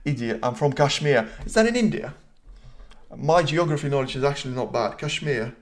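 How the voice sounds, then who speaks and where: This live-stream host speaks at a moderate pace with medium pitch and lively intonation. He's chatty and casual, reading viewer comments aloud, responding to them, and wandering off into jokes at his own expense.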